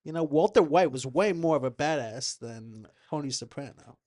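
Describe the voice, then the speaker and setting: A man's voice: a little high, lively intonation, a little mellow. A man who works in real estate, chatting as a podcast guest in a playful, rambling way. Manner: playful, quick-witted, rambling. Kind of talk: casual chat.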